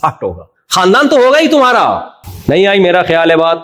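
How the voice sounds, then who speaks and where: A man's voice: high voice, wildly swooping pitch, fairly bright tone. Jovial man preaching to a laughing crowd. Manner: jovial, teasing asides and mock-voiced examples. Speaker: Islamic preacher. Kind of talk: Urdu religious lecture. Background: audience laughter.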